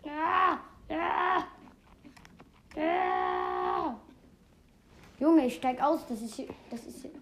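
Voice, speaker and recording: A woman chatting excitedly while playing a video game, exclaiming often and rambling between facts. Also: very high-pitched, extremely slow, pauses often, slight background noise. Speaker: game player. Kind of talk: casual gameplay commentary.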